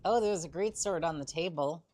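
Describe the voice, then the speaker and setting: Streaming a video game, this woman has a lowish, dark-toned voice and talks fairly quickly. Her casual chat mixes playful teasing, hesitant thinking out loud and asides spoken in character.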